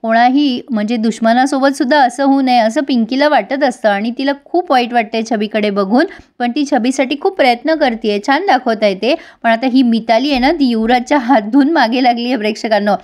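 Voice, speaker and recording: A woman's voice: a little high, fairly quick, hardly any pauses, a little mellow. A woman retelling a TV serial episode for viewers, speaking to them directly and switching between narration and the characters' lines.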